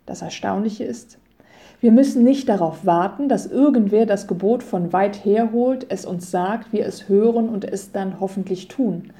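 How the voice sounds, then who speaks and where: This is a scripted radio devotion read by a middle-aged woman preacher. Her voice is deep, warm and mellow, and she reads calmly and deliberately, quoting scripture solemnly.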